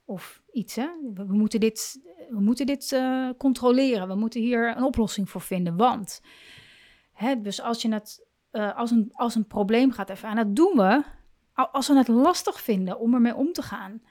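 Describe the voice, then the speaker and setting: A woman hosting a parenting podcast, talking in a gentle, coaching way and often rephrasing herself mid-sentence. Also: on the high side, normal speed. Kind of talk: reflective solo podcast talk.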